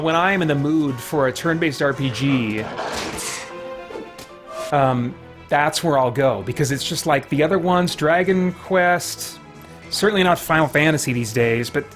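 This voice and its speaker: This livestream host has a fairly high voice and keeps up a casual, rambling commentary on the video game he's playing. He frequently breaks off mid-thought to react to the game and the chat.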